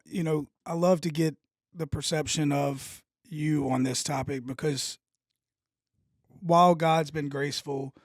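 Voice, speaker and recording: A man's voice: a little high, no echo, clean studio sound. A man in his thirties co-hosting a podcast, asking questions and affirming with "absolutely". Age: 30s. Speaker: podcast co-host. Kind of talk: interview hosting.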